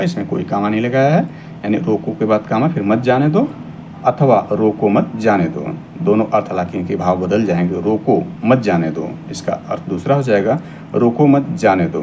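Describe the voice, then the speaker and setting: A male teacher gives an exam-prep grammar lesson in a mellow, darkish voice. He reads each example sentence aloud, then repeats it in corrected form. A faint hiss sits under the recording. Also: fairly low pitch.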